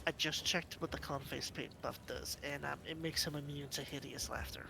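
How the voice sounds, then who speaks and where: A man casually chatting while playing a co-op game, explaining the rules and thinking out loud. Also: a little high, steady tone, brisk, vocal fry, noisy background. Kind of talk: casual gaming chat. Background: game music.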